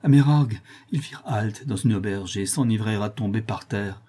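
A man's voice: fairly low pitch, moderate pace, warm tone, breathy edge. A man reading aloud and voicing a distraught young nun, broken and ashamed, with anguished, pleading speech.

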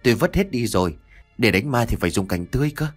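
A terrified man cries out for help in a high, loud, frantic voice, as a male narrator puts him on. His voice jumps well above the narrator's usual low tone. Faint music plays underneath. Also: big pitch swings, quick pace. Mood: mumbling, defensive. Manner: shrill frantic shouting. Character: panicked man terrified by a ghost.

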